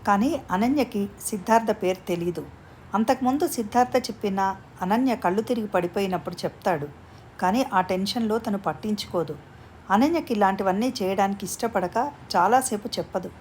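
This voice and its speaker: A woman's voice: mid-range voice, fairly quick, a little mellow, slight background noise. Woman reading a story aloud. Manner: reads all parts in her own voice.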